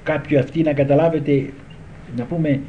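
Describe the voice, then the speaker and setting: A man's voice: fairly high pitch, steady tone, a little hiss or hum. An older man, a guitar teacher, reminiscing in a rambling, conversational way and often asking if his listeners understand. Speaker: guitar teacher recalling the past. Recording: echoey room, dull old tape.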